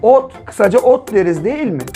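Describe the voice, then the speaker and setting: Brief male primary teacher, patient question-and-answer lesson for small kids, soft music behind. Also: high voice, lively intonation, normal speed. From Turkey. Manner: patient, asks and answers his own questions. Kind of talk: children's literacy lesson.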